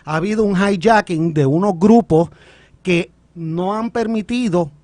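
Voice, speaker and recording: High-voiced Puerto Rican pundit, dry sound. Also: male voice, measured pace, a little mellow, no echo. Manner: argumentative, builds points at length, emphatic. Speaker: political panelist. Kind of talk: political panel discussion.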